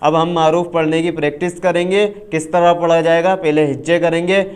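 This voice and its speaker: A man leads a reading lesson. He stretches each letter drill into a slow sing-song chant. Between drills he explains quickly. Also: on the high side, level tone, darkish tone. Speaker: Quran reading teacher. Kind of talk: online reading lesson, spelling out syllables.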